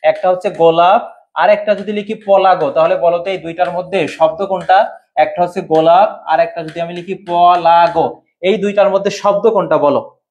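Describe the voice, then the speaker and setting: High-voiced male Bengali lecturer. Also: fairly even intonation, normal speed, highs cut off. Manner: quizzes students, repeats answers, waits for comments. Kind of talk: online exam-prep lesson.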